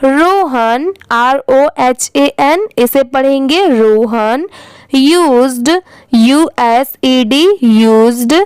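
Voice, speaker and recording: High-voiced woman teaching English slowly. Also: darkish tone, clean tone, no room sound, rough recording. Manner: spells words letter by letter, then says them slowly. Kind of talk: slow spelling-out reading lesson.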